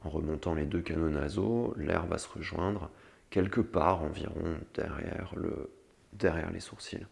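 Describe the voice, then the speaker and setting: A man with a gravelly, creaky voice giving step-by-step instruction as a guide for a breathing meditation. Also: deep voice, unhurried, darkish tone.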